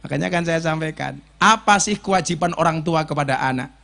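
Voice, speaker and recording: Brief: male preacher, 40s, Javanese accent, comic sermon style, ribs the crowd, voice sits a bit high. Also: brisk, creaky, bright, forceful tone. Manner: joking, switching between Indonesian and Javanese, teasing the audience.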